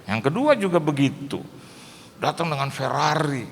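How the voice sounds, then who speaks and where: A middle-aged male pastor preaching to a church, telling comic stories in an animated, jokey way and acting out other voices. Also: on the high side, moderate pace, vocal fry. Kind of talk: sermon with comic storytelling. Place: church hall. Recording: long hall reverb, faint hiss.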